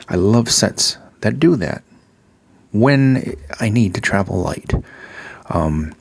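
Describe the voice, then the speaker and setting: A man with a Massachusetts accent gives a casual gear review in a very low, gravelly voice. He pads his pauses with ums and uhs and keeps repeating his words of praise.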